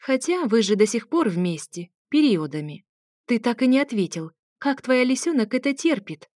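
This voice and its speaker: A cool, curt young woman who snaps back at her ex but dotes on her cat, as a woman reading a story puts her on. The voice lifts noticeably higher and brighter than the narration, with a dry, close sound. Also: big pitch swings, moderate pace, dry recording. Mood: sharp. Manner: cold and curt, tender to the cat.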